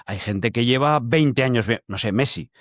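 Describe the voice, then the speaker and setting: A man's voice: medium pitch, moderate pace, dry recording, clean studio sound. An older man hosting a podcast interview, chatty and casual, with mild swearing. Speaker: podcast host.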